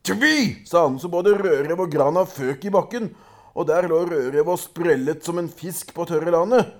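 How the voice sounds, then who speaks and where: A man reading a folk tale aloud in a lively storytelling way, with small hesitations. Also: on the high side.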